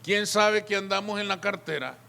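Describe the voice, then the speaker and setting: Male pastor, high and bright voice, emphatic sermon delivery. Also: moderate pace, vocal fry, big-room sound. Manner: emphatic preaching, repeated appeals to the congregation.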